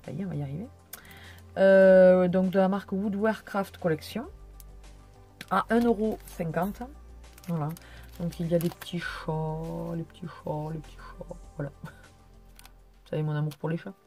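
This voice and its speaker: Young woman, tired, rambling casual haul chat, hesitant, lower voice. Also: steady tone, measured pace, pauses often, dark tone, soft background music. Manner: rambling, hesitant with many fillers. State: tired, yawning. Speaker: vlogger.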